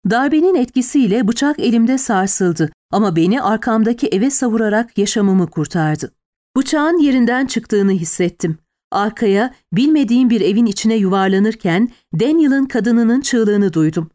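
A woman reading a dramatic story as an audiobook narrator, steady and measured. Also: on the high side. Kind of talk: scripted narration.

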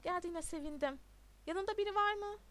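Brief: a woman voicing a breezy, offhand young party girl, high and loud, storybook reading. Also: fairly quick.

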